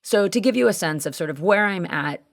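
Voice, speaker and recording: A woman in her fifties hosting a solo podcast in a conversational, candid way, her voice very gravelly and hoarse from cheering. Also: mid-range voice, expressive, a little fast. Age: 50s. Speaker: podcast host.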